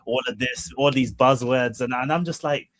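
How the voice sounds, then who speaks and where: A man's voice: medium pitch, normal speed, fairly bright tone. A man co-hosting a football talk show, incredulous and mocking in casual banter. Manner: incredulous, mocking, does voices of others. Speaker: co-host pundit.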